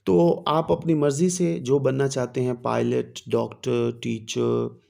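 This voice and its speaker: A man teaching a primary English lesson, reading each English line slowly and then explaining it. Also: medium pitch, flat delivery, creaky, a little mellow.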